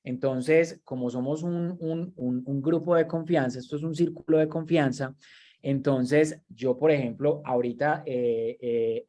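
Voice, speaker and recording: Speaking a little slowly in a steady, mellow, mid-range voice, a man in his 30s leads an online training lecture over video. He works as a university lecturer and workshop trainer, and his talk is conversational, with words often repeated while he gathers his next thought.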